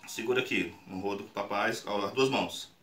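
A man's voice: lowish voice, fairly quick, fairly bright tone. Brazilian man explaining screen printing, roomy. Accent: Brazilian Portuguese. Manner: patient, coaxing, explains step by step with frequent "tá?". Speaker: screen printing channel host. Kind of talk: casual how-to demonstration. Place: small indoor print workshop. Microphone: camera on a tripod a few meters away. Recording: roomy, distant camera mic with faint noise.

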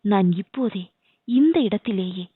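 A woman's voice: mid-range voice, animated, unhurried, breathy edge, no echo. A woman reading the part of a devoted young dancer, pleading with heartfelt, devotional feeling. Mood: devoted, yearning. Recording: dry, tinny phone-like sound.

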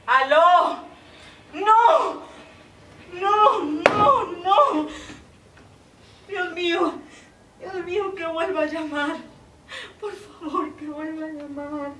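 On a theater stage, an actress performs a monologue as a heartbroken, jilted woman begging her departing lover over the phone, swinging between tender pleading and frantic, desperate outbursts. Her voice is high, with a steady tone and measured pace, and it's recorded from far off with stage echo and audible noise.

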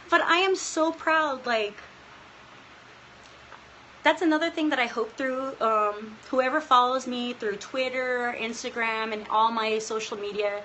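A woman's voice: fairly high pitch, fairly bright tone, a little hiss or hum, low-quality recording. A woman in her late thirties hosting a casual livestream Q&A for her fans, earnest and emotional, laughing often and close to tears, talking into a phone held close in a small room. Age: 30s. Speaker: livestream host answering fans. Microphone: phone held close, front-facing.

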